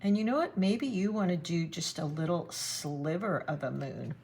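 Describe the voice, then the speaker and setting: A woman giving a relaxed watercolor painting demonstration, thinking aloud as she works and chatting to her viewers. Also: on the low side, normal speed, gravelly, husky. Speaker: watercolor art teacher.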